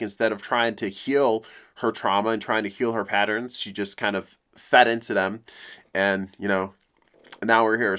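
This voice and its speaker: A man's voice: lowish voice, pushed and bright. Subdued young man venting candidly. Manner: candid, rambling with frequent fillers and restarts. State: low and depressed. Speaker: vlogger. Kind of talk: personal venting monologue.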